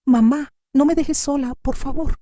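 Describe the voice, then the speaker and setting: A woman's voice: moderate pace, warm tone, dry recording, clean studio sound, lightly acted. A woman voicing a desperate grown daughter who pleads through crying in an audio story. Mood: desperate pleading. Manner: shrill, crying pleas.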